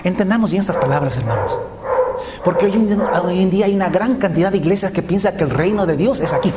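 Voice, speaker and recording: Animated pastor preaching. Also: male voice, high voice, quick pace, very noisy. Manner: animated storytelling, acting out voices of biblical figures. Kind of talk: sermon.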